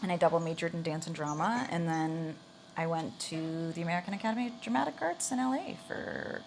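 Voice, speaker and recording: A young woman talks easily as an interview guest. Her voice sits a little low, and she strings her thoughts together with lots of "like". A faint hum of noise sits behind her. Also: brisk, gravelly. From Canada. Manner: chatty, relaxed, frequent "like" fillers. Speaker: guest actor. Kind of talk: casual interview chat.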